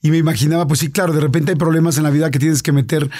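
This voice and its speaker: A man's voice: a little high, fairly even intonation, racing, darkish tone. A man hosting a podcast, who reflects on and sums up what his guest said in casual chat. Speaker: podcast host.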